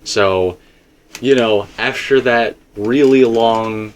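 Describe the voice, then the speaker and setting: Co-hosting an unscripted, casual discussion of video game theories, a man talks in a rambling, conversational style heavy with qualifications. His voice is medium in pitch and he speaks slowly.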